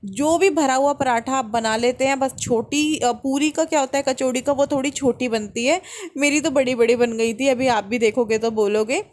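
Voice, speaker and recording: A woman's voice: sits high, fairly even intonation, normal speed, few pauses, a little mellow. A woman in her thirties from India chatting to her viewers as she explains home cooking in a casual vlog. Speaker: home vlogger.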